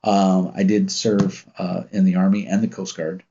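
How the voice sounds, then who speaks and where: An American channel host with a deep, commanding voice and a breathy edge reads live chat on his stream at a moderate pace. He rambles in a relaxed way through casual chat and stories, full of ums and restarts. The stream audio is muffled and lo-fi.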